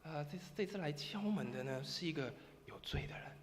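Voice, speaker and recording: A man's voice: high-pitched, animated, normal speed, a little hiss or hum, pitched above the performer's own voice. A man voicing a funeral procession leader who bangs on a church door, then pleads meekly, within a sermon. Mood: humble pleading. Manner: shouting loudly, then apologetic and meek. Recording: reverberant church hall.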